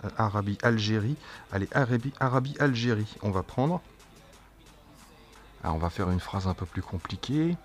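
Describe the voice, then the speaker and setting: A man casually demonstrating a gadget as a tech reviewer, chatty and jokey, and speaking his test phrases slowly and clearly. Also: fairly low pitch. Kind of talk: casual product demo.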